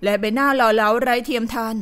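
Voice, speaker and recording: A woman reading an audio novel as narrator, in steady storytelling delivery. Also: on the high side, quick pace, clean tone. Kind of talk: scripted narration.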